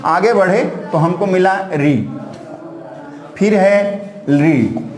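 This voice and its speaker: A man teaching Sanskrit grammar in a classroom style, reciting syllables one by one in slow lists and calling his students "beta". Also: high-pitched, reverberant.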